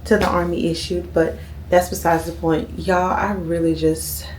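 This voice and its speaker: A woman's voice: fairly low pitch, flat delivery, moderate pace, darkish tone, a little hiss or hum. A thirty-year-old woman, chatting casually to her camera at home and tagging "okay?" onto her lines. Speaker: vlogger. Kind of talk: casual sit-down chat to camera.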